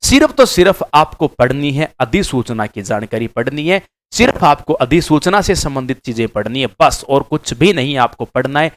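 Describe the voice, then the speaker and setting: A male teacher lecturing exam students with insistent emphasis, often repeating words to drive a point home. His voice sits a little high and swings widely in pitch. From Rajasthan. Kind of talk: direct-to-camera lecture.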